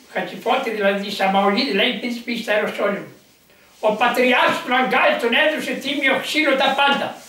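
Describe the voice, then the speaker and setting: A monk, a man, telling a miracle tale in an animated, rambling way with lots of quoted dialogue. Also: extremely high pitch. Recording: echoey room from far off.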